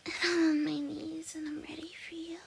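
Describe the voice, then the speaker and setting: A woman speaking in a breathy whisper, soft and pleading, in an intimate ASMR roleplay. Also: very high-pitched, flat delivery, moderate pace, noisy background. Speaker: audio roleplay performer.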